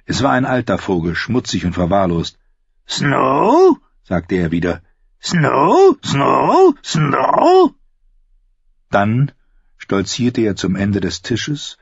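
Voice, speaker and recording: A man reads a fantasy story in a low, husky voice with steady pacing. The sound is close and dry with no room. The recording is slightly dull and lo-fi. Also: no room sound. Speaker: audiobook narrator. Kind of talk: scripted fantasy narration.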